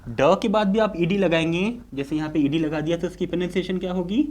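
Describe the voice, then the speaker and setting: Male tutor with a Hindi accent, slightly high voice, quizzes and answers himself, lecture style. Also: a little mellow. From India. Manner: rhetorical questions answered himself, drawn-out sounds. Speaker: English teacher. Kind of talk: exam-prep lecture.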